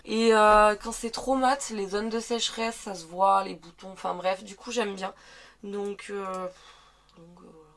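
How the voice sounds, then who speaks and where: A woman's voice: mid-range voice, little pitch movement, unhurried, fairly bright tone. Chatty thirty-something French woman vlogger. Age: 30s. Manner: rambling, chatty, with sighs and self-corrections. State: recovering from covid, slightly croaky. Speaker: beauty vlogger. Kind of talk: casual makeup tutorial chat. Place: her dressing room at home.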